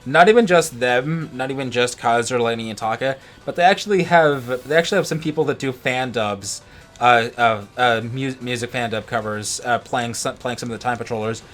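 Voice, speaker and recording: A male co-host of a let's-play gaming video rambles casually and wordily, stammering, repeating and restarting words. His medium-pitched, fairly bright voice moves a little fast over video game music.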